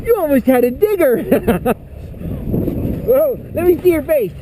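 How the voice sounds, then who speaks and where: High, lively woman encouraging a child. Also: slow pace. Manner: encouraging, exclaiming. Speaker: parent coaching a small child on skis. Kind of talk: casual, playful encouragement to a child. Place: outdoors on a ski slope. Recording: faint outdoor background noise.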